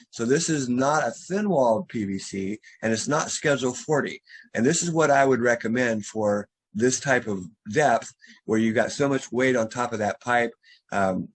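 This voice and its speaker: A drainage contractor who is losing his voice walks a homeowner through materials step by step on a video call, restarting and using fillers as he instructs. His mid-range voice is husky, and the audio is poor.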